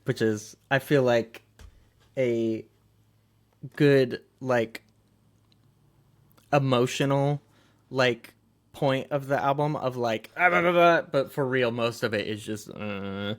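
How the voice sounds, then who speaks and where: A man co-hosting a casual music podcast. He rambles through his thoughts, stacks up filler words and laughs easily. His voice sits at an ordinary middle pitch. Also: steady tone, slow, pauses often. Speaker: podcast co-host. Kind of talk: casual chat about music.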